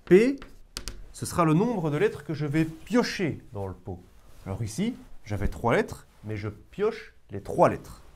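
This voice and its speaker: Lively, slow-speaking male math teacher. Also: a little high. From Belgium. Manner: lively, coaxing, talks to students directly. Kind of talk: classroom math lesson.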